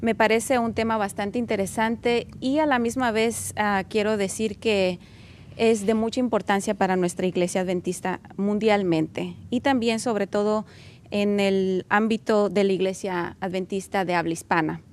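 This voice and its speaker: Woman TV host, mid-pitched voice; formal, courteous, a little hesitant. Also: steady tone, moderate pace, darkish tone, slight background noise. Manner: formal, polite, with fillers. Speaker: TV program host. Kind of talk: interview hosting.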